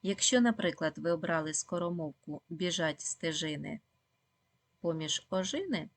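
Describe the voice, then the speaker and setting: Female primary teacher, low husky voice, dry close sound, patient encouraging delivery. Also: expressive, no room sound. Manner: slow, clear, encouraging, with frequent praise and questions to pupils. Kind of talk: video lesson for second graders.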